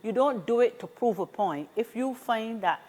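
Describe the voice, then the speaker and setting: Her voice is a little high yet darkish, with lively intonation at a normal speed. In a conversational interview, this sixty-something Barbadian seniors' advocate encourages listeners emphatically, returning again and again to key phrases.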